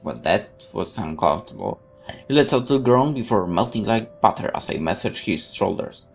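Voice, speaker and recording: As a let's play host, a woman with a strikingly deep voice reads a visual novel's story narration aloud and drops in asides of her own. She sounds animated, has some vocal fry, and speaks at normal speed. Faint music plays behind her.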